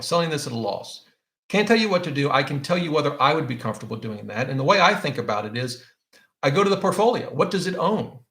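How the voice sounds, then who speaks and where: A man's voice: medium pitch, fairly bright tone, reverberant. A man hosting a live question-and-answer stream, explaining his choices in a casual way and often restarting his sentences as he thinks aloud. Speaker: finance channel host answering viewer questions.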